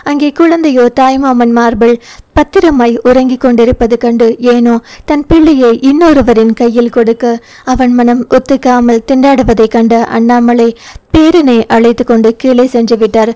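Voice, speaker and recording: A woman reading a romance audio novel aloud in a measured, even storytelling manner. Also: a little high, poor audio. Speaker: audiobook narrator. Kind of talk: scripted novel narration.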